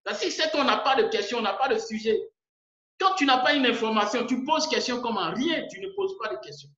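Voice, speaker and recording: Hosting an online meeting, a man with an Ivorian French accent insistently urges the members on, often repeating words. His very high-pitched voice is animated, fairly quick and sharp, heard through muffled, echoey video call audio.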